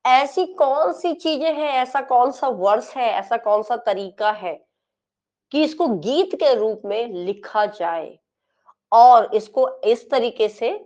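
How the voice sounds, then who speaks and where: A woman's voice: on the high side, a little mellow. A woman lecturing an exam class, mixing Hindi and English. She dictates notes word by word and checks in with her students often. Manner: explains in quick Hindi with frequent checks like "ठीक है?".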